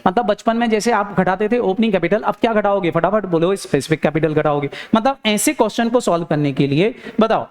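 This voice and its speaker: A man teaching an accounting class in a lecture style, firing questions at students and answering them himself in a lower voice. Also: brisk, few pauses. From India. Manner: urging, repeats phrases for emphasis.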